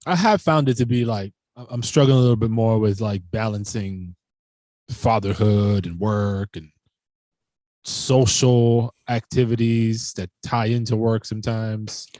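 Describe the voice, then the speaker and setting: A man's voice: fairly low pitch, darkish tone, no room sound. A man hosting a podcast in casual chat, upbeat and slangy, plugging the show. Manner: upbeat, slangy, brisk host talk. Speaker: podcast co-host.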